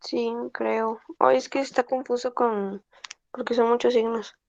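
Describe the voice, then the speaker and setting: Hesitant woman student, slow, fairly high voice, dry lo-fi audio. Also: fairly even intonation, vocal fry, darkish tone, dry recording. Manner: hesitant, unsure.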